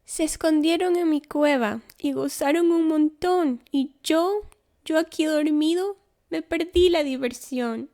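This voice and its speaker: A woman's voice: sits high, unhurried, warm tone, voice pushed up. A woman voicing a big sulky male bear in a children's storybook, complaining in a whiny tone. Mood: whining.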